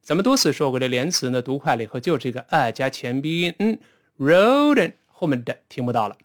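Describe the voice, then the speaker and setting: A man teaching spoken English, patiently explaining pronunciation and modelling phrases slowly. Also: mid-range voice, sing-song.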